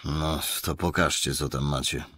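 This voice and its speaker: A man voicing a gruff, hardened middle-aged male police inspector who talks curtly and barks orders. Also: extremely low pitch, steady tone, unhurried, pushed and bright, dry recording, studio quality, full character voice. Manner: curt, barking orders.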